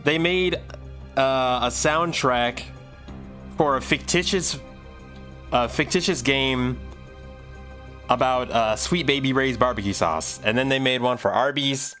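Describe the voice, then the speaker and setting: A man's voice: mid-range voice, a little slow, pauses often, a bit bright, soft background music. A man in his thirties chatting casually on a livestream, rambling and thinking aloud as he works. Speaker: live streamer making music. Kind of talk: casual livestream chat while working.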